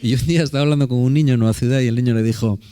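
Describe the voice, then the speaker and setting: A man's voice: mid-range voice, fairly even intonation, very fast, warm tone, clear, resonant tone. A man preaching a sermon in a conversational, emphatic way, often asking rhetorical questions.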